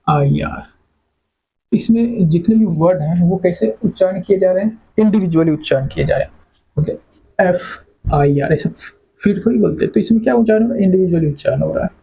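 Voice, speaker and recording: A man's voice: high voice, normal speed, vocal fry, pauses often, slightly rough, lo-fi sound. A man teaching English grammar to exam students, repeating words and quizzing the class with questions. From India. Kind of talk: classroom lecture.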